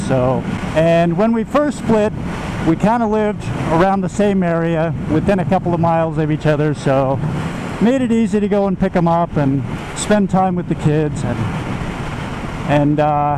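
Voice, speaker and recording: High-voiced American man talking inside a helmet. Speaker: motovlogger. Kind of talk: casual personal storytelling while riding. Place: inside a helmet, outdoors on a motorcycle. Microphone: helmet microphone. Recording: helmet mic, loud engine and wind noise.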